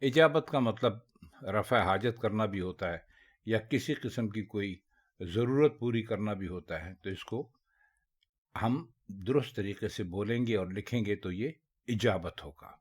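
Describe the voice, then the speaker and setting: A man giving a spoken lesson on Urdu pronunciation. He speaks slowly and carefully, stressing each correct form. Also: on the low side, husky.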